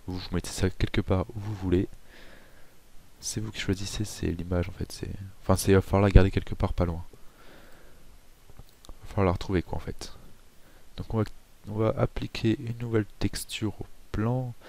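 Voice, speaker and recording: Low-voiced Frenchman explaining software. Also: steady tone, normal speed, gravelly, long pauses. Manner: chatty, self-mocking asides, frequent fillers. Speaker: tutorial host. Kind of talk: casual screen-recorded software tutorial.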